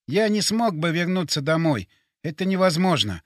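A man's voice: a little high, big pitch swings, dry recording, clean studio sound. A man doing a dying young man with a burr. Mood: resigned. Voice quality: burred r sounds, r spoken like g. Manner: slow, faint, halting speech. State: dying, barely audible. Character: dying young man, weak, gentle, resigned.

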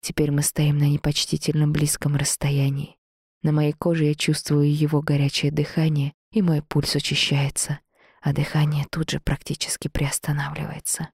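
A woman reading a first-person story aloud in a lively, expressive way. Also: deep voice, normal speed, gravelly, husky, dry recording, clean studio sound. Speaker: audiobook reader.

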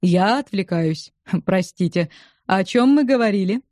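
An unflappable gentleman speaking in a deadpan, drily ironic way, as a woman narrator voices him. He appears in a storybook reading. The recording is close and dry. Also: medium pitch, unhurried, no echo, lightly acted.

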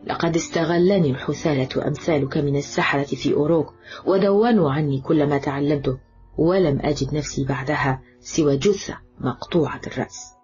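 A woman's voice: low-pitched, brisk, darkish tone, close to an everyday voice. A woman voicing a proud, seductive cursed woman in an audiobook drama, speaking haughtily. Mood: bitter, cursed. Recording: dull lo-fi audio with background music.

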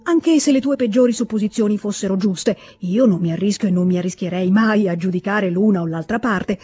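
A woman's voice: medium pitch, a little fast, mellow, breathy edge, natural voice. A woman reading aloud, voicing an emotional, imploring middle-aged nobleman who keeps begging his brother-in-law. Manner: emotional, imploring, rising to cries.

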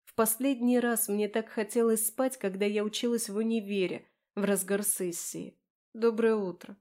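A woman narrating a first-person audiobook in a wry, expressive way. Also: medium pitch, normal speed.

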